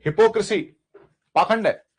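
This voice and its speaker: A man's voice: sits high, moderate pace, slightly rough. A man teaching an exam vocabulary lesson, drilling word lists by repetition and asking and answering his own questions. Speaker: English teacher.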